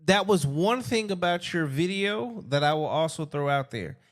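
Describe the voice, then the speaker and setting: A man hosting a casual call conversation, talking in an emphatic way, repeating himself and slowing down to stress his points. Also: fairly high pitch, expressive. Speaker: host.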